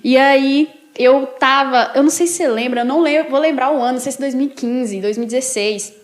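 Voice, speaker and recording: A young woman with a high, bright voice tells her personal story as a podcast guest. She speaks in a lively, animated way and keeps checking in with her listener through short tag questions. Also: fast. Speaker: interview guest. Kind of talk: casual testimony chat.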